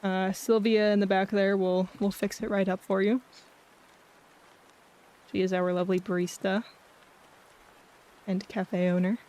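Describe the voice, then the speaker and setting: A woman's voice: medium pitch, flat delivery, measured pace, pauses often, darkish tone. A woman chatting casually as a livestream host, with a friendly, welcoming, bubbly manner. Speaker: streamer hosting a co-working livestream.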